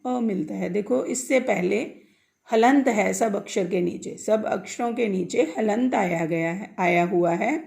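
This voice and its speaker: A woman's voice: mid-range voice, a little slow, creaky, darkish tone. A woman teaching a Sanskrit grammar lesson, asking the class questions and answering them herself, sounding out letters one by one.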